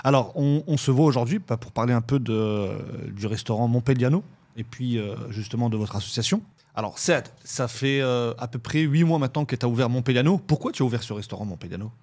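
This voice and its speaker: A man hosting a podcast interview in a studio, asking relaxed, casual questions. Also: mid-range voice, fairly quick. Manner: lively sponsor read, then relaxed questions. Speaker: podcast host.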